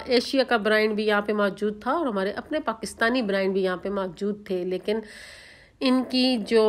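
A woman vlogger from Pakistan, narrating her outing in a chatty, homely voice-over. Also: a little high. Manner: chatty, homely, leans on filler phrases.

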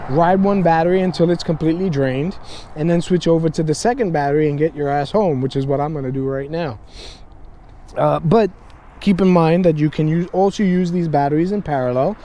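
A man casually talking to viewers in a vlog, relaxed and chatty, at times out of breath. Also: a little high, slight background noise. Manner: relaxed, chatty, addresses viewers as you guys. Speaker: e-bike vlogger. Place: outdoors on open roads.

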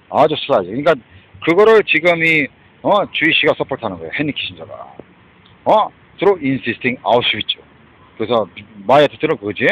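A man's voice: mid-range voice, slightly rough. A man ranting in a rambling, agitated monologue, often breaking off to prompt with a questioning "huh?" and mixing in English phrases, recorded outdoors. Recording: dull lo-fi recording.

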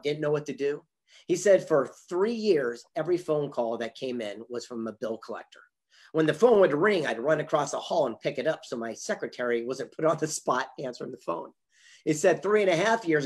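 A husky man in his fifties, a motivational guest in an online interview, has a voice that sits a bit high for a man. He tells anecdotes emphatically, playing both sides of the dialogue, from an indoor home office with a memorabilia wall, heard through a computer mic on a video call.

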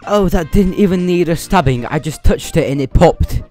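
A man's voice: on the high side, moderate pace, warm tone, faint music behind, lightly acted. A man voicing a boastful speaker-headed titan in a put-on British accent, smug and mocking.

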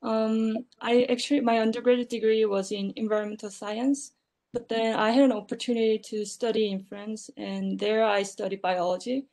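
Korean woman on video call, bit of vocal fry, sounds tired, trails off. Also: fairly high pitch, steady tone, normal speed, dark tone. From South Korea. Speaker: early-career researcher. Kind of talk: online panel self-introduction.

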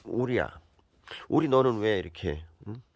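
Man, low voice with lively swings, chatty pet-owner narration at home. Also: a little slow, husky. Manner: coaxing, talks to his pets in a sing-song voice. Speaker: pet vlogger. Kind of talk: casual narration to pets.

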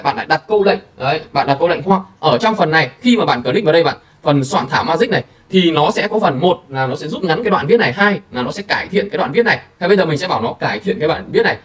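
A man hosting a screen-recorded software tutorial, talking casually to viewers with many fillers. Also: fairly high pitch, expressive, racing, few pauses, far from the mic. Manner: chatty, filler-heavy, addresses viewers directly. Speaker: tutorial host.

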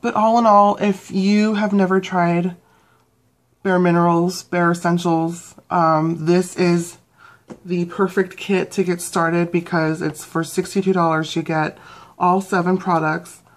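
Low-voiced young woman rambling a review. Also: level tone, a little slow. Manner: rambling, with fillers and self-corrections. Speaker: beauty vlogger. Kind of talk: casual product review.

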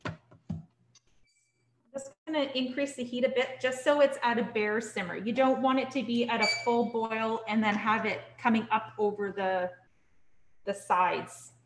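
A young woman teaching a cooking class in a kitchen, relaxed and chatty, checking in with "okay?" as she goes. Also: fairly high pitch, normal speed, noisy background. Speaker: cooking instructor. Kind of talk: live online cooking class.

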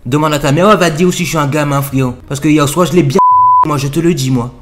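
A man's voice: fairly high pitch, fairly even intonation, fast, close to an everyday voice. A young man voicing a cocky, touchy young Guadeloupean man with a thick Guadeloupean accent, speaking in an exaggerated, indignant way. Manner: exaggerated, indignant, keeps repeating "frérot". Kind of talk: prank role-play on video chat.

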